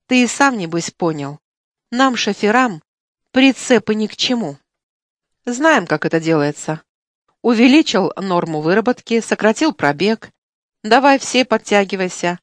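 A woman reading an audiobook, voicing a sly, needling male truck driver who jeers in a shrill, wheedling voice. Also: no echo, clean studio sound, close to an everyday voice.

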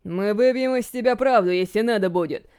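A woman's voice: medium pitch, a little fast, darkish tone, clear, resonant tone, dry recording, studio quality, close to an everyday voice. A woman voicing a stern young prince who questions a prisoner in an audiobook.

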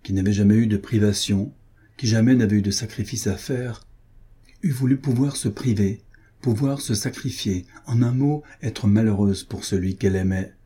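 A man reading a nineteenth-century novel aloud in a measured, literary narration. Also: fairly low pitch, mellow, slightly rough. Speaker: audiobook reader.

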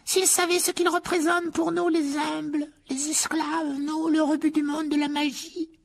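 A very high, thin-voiced male house-elf, as a woman acts him out, timid and fretful. He pleads, frets and scolds himself in an audiobook drama. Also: little pitch movement, a little slow, gravelly. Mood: anxious. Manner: pleading, fretful and self-punishing.

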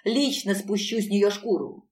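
A woman's voice: medium pitch, moderate pace, far from the mic, close to an everyday voice. Woman doing a melodramatic weepy young advisor. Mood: furious. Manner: loud, pleading and wailing.

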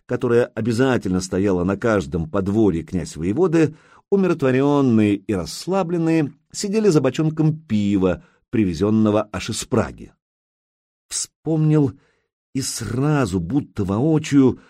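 A man narrating an audiobook in an expressive, dramatic reading style. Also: on the low side, no room sound, studio quality.

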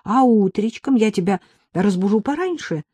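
A woman voicing a timid young woman servant who frets and pleads, speaking in a raised, mellow voice in an audiobook. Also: medium pitch, lively intonation, moderate pace, husky, no room sound, voice pushed up. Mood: anxious. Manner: pleading, fearful.

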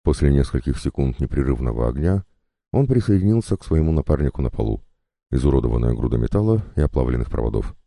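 A man narrating an audiobook in measured, even storytelling. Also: extremely low pitch, creaky, no echo, studio quality. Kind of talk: scripted narration.

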